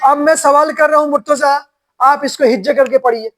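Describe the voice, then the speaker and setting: A man's voice: extremely high pitch, fairly bright tone. A man teaching a classroom recitation lesson, spelling syllable by syllable and calling on pupils to correct them. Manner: slow, drawn-out syllable-by-syllable spelling. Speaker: Quran teacher.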